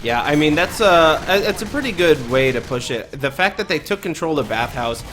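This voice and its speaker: A man giving casual play-by-play commentary on a live esports match, talking quickly with frequent fillers. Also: on the high side, lively intonation, a bit bright, faint music behind. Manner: quick, chatty, many fillers. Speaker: esports caster.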